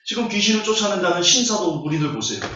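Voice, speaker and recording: A man's voice: high-pitched, animated, quick pace, sharp tone. A man preaching a Bible lecture, scornful and full of rhetorical questions. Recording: echoey hall, distant, dull audio.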